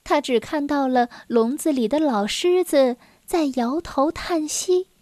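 A woman narrating a children's story in a gentle, expressive read-aloud manner, adding little asides to young listeners. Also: high voice, measured pace, no echo, studio quality.

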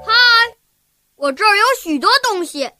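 A woman's voice: very high-pitched, lively intonation, moderate pace, bright, forceful tone, no echo, studio quality, faint music behind, exaggerated voice. A woman playing a childlike, eager talking backpack in a children's cartoon, putting questions to young viewers. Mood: eager, helpful.

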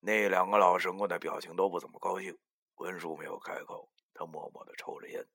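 A man narrating a first-person audiobook in a lively, colloquial, wry manner, with casual cursing. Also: sits low, a little fast.

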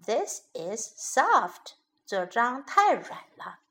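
Woman reading as a curious little storybook girl, high and lively, slow and clear. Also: exaggerated voice. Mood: fussy.

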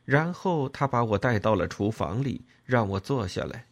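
A man narrating an audiobook in an expressive, emotional storytelling manner. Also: mid-range voice, moderate pace, gravelly.

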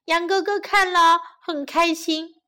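Woman storyteller for kids, high animated delivery, unhurried. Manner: slow, expressive storytelling. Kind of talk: bilingual children's story narration.

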